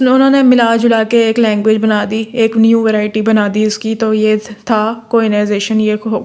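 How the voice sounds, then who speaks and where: A woman's voice: on the high side, a little mellow. Woman tutor reading notes aloud. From Pakistan. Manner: reads English lines slowly, then explains in Urdu. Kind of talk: lecture explaining exam notes.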